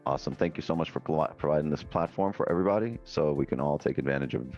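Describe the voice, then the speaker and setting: A man's voice: a bass voice, racing, darkish tone. A man co-hosting a livestream in informal, slangy, joking casual chat. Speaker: livestream co-host. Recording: slightly dull, lo-fi, music behind. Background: music.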